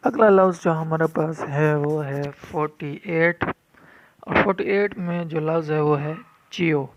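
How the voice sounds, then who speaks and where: A man's voice: fairly high pitch, fairly even intonation. Drilling male language teacher, lo-fi. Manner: repeats each word several times in a firm drill; mixes English glosses into explanations. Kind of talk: vocabulary lesson. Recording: dull lo-fi recording.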